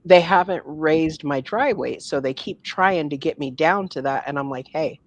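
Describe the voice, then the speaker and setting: A woman's voice: deep voice, moderate pace. A woman co-hosting a casual talk show, speaking frankly and bluntly in informal language. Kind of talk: casual chat.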